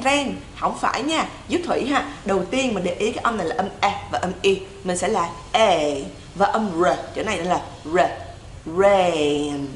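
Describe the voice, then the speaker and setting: A woman's voice: medium pitch, slight background noise. Young woman, livestream English teacher, chatty, drills words, echoey room. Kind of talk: livestream song lesson.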